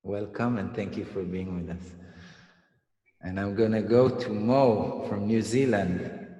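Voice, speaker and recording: A man's voice: lowish voice, unhurried, mellow, dull audio. A man hosting an online group session, welcoming participants one by one with repeated praise. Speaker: host and facilitator. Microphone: video call. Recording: echoey room with long reverb.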